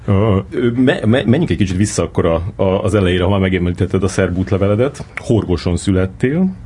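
A man's voice: low voice, lively intonation, dark tone, breathy edge. A male interviewer asking questions hesitantly, with many fillers.

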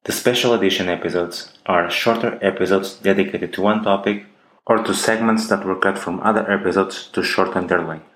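A man with a Russian accent hosts a casual tech podcast, joking around and frequently restarting his sentences in a halting way. His voice sits low with fairly even intonation and a fairly bright tone, though the audio quality is poor.

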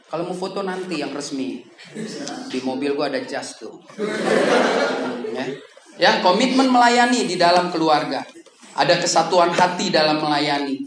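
A man preaching a lively, joking sermon to young people in a casual manner, with sudden loud bursts. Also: on the high side, normal speed, long pauses. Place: church hall. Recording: echoey hall with background noise.

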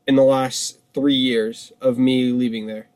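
A man's voice: mid-range voice, level tone, measured pace, a little mellow, no room sound. A young man hosting a casual podcast, rambling with lots of fillers and laughing often. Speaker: podcast host. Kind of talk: casual chat.

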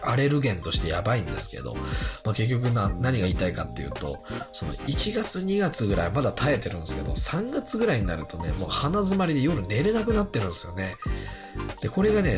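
A man with a congested, nasal voice hosting a casual solo radio talk in a chatty, self-deprecating way. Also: mid-range voice. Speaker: radio show host. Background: background music.

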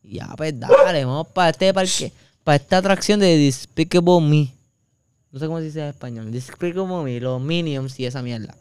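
A Puerto Rican man tells a meandering anecdote, his voice very smooth and resonant with a slightly raised pitch. He piles on fillers and crude slang as he goes. The sound is dry and close, with no room echo. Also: fairly quick, a little mellow. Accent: Puerto Rican Spanish. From Puerto Rico. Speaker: podcast co-host. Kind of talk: casual chat, storytelling.

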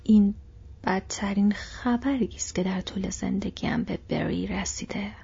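A woman voicing a fat, fretful, easily frightened male innkeeper in a breathy whisper, as whispered role-play in a storybook reading. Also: mid-range voice, steady tone, dark tone, dull audio.

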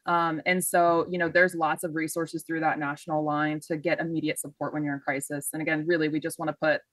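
A woman with a fairly low voice gives explanatory interview answers. She sounds earnest and encouraging, in a very dry recording with little room sound. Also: little pitch movement, brisk, no echo. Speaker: guest, mental health clinician.

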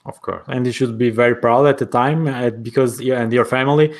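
A man's voice: medium pitch, fairly even intonation, brisk. A man with a Portuguese accent conducting a conversational interview in his second language, with long rambling lead-ins to his questions.

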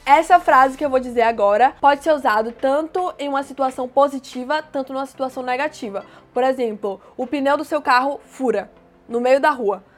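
A woman teaching everyday English phrases, explaining plainly and repeating each phrase slowly. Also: high voice, faint music behind. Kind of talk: casual language lesson.

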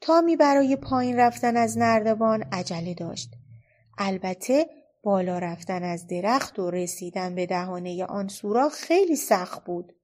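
A woman narrating a children's storybook in a steady, expressive read-aloud manner. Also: mid-range voice.

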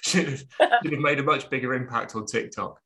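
A man co-hosting a podcast, chiming in with quick wry remarks and follow-up questions. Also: medium pitch, steady tone, bright, forceful tone. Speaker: podcast co-host. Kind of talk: casual podcast interview.

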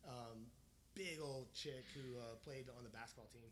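A man's voice: mid-range voice, moderate pace, a bit bright, a little hiss or hum. A man casually recounting a personal story in conversation, rambling with many fillers and restarts.

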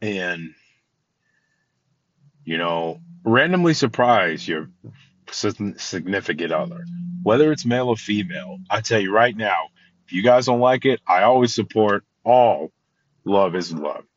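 In a dry, muffled recording, a man with a lowish, expressive, unhurried voice hosts a podcast. He gives a casual motivational talk about love and surprises, speaking from the heart. He sounds tired, rambles, and restarts often.

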